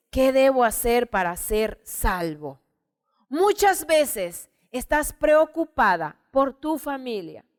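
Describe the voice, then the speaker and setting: High-voiced woman pastor preaching. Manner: expressive preaching, retelling scripture with dramatic emphasis. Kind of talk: sermon. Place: church. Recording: long hall reverb.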